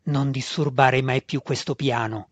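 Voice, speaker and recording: A man's voice: medium pitch, a little slow, breathy edge, dry recording. A man growling as a menacing monstrous handmaiden. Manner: growling, imperious. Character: menacing female spider-goddess handmaiden creature. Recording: dull, dry sound.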